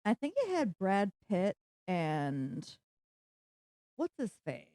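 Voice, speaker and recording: A woman co-hosting a podcast in casual chat, laughing often and jumping in with quick interjections. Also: mid-range voice, big pitch swings, mellow, dry recording, studio quality. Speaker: podcast co-host.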